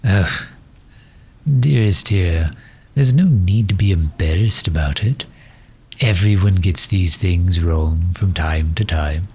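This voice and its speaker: In an ASMR roleplay audio drama, a man voices a pompous, pedantic yet affable gentleman supervillain. His husky, breathy voice sits low and is heavily acted, and his wordy, condescending speech is full of hesitant pauses.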